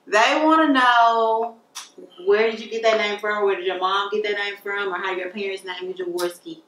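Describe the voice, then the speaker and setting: A woman's voice: medium pitch, fairly even intonation, normal speed, fairly bright tone. A woman in her late twenties chatting casually as a vlogger in a question-and-answer video, upbeat and full of fillers. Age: late 20s. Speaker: beauty vlogger. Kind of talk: casual Q&A chat. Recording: echoey room, mic at a distance.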